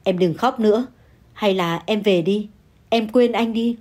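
A woman's voice: mid-range voice, unhurried, dark tone, lightly acted. A woman playing a torn older husband who speaks in a hesitant, flustered way. He stammers and hurries his words. It is heard in a read-aloud audio story.

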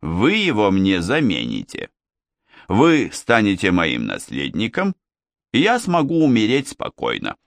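A man's voice: on the low side, huge pitch swings, a little slow, vocal fry, dry recording, full character voice. A male audiobook reader voicing a grand, coaxing king of penguins. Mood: jovial. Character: jovial pompous old male penguin king. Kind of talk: audiobook character reading.

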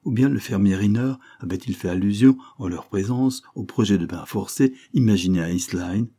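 A man narrating a classic novel as an audiobook, in a measured literary reading. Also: lowish voice, dark tone. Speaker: audiobook reader. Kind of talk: scripted narration.

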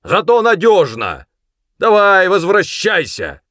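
A man voicing a gruff police sergeant who shouts orders across a river. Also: on the low side, very animated, normal speed, no room sound, studio quality. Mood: shouting. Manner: loud shouting and commanding.

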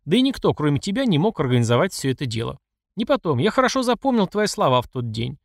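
A man's voice: on the high side, very animated, fast talker, creaky, no room sound, studio quality. A man voicing a furious middle-aged emperor who scolds and accuses his mother. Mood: angry. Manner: angry and accusing.

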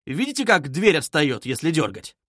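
A man doing an eager, loud young student. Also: a little high, big pitch swings, dry recording, studio quality, exaggerated voice. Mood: eager, urgent. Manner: loud, quick, insistent.

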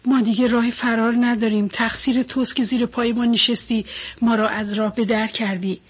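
A woman's voice: on the high side, steady tone, slightly rough. A woman voicing a crowd of frightened tiny fish who plead and whine in a storybook reading. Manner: pleading, whiny.

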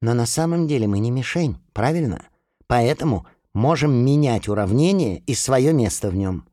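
A man voicing an assertive, level-headed young woman who lays out plans in a brisk, insistent way. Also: medium pitch, animated, warm tone, no echo, studio quality, lightly acted.

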